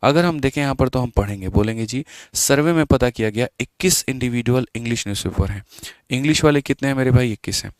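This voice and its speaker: A man's voice: mid-range voice, quick pace, few pauses, dry recording. A man teaching maths in a live online exam-prep class, chatty and scolding his students, mixing English terms into his talk.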